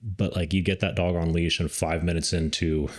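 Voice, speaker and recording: A man co-hosting a podcast, giving casual advice on dog training, relaxed and rambling with lots of fillers. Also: low-pitched, normal speed.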